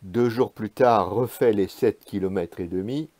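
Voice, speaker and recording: A man reading his own literary prose aloud in a measured, hushed, spare way. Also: lowish voice, no room sound.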